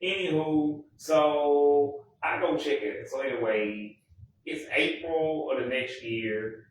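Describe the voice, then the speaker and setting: A man rambling in a casual monologue, often correcting himself and filling pauses. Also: a little high, a little hiss or hum. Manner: rambling, self-correcting, many fillers. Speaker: music vlogger. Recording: echoey room, mic far off.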